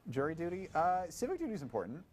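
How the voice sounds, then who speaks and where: A young man co-hosting a casual chat on a student TV show, wry and playful, handing out quick verdicts. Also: fairly high pitch, huge pitch swings, a little mellow, slight background noise. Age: young adult. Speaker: co-host. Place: college TV studio. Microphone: wearing a microphone.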